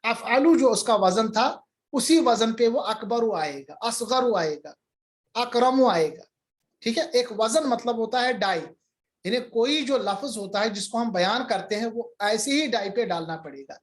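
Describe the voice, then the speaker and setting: A man's voice: very high-pitched, a little slow. A male teacher giving an online grammar lecture, patiently repeating examples and answering student questions.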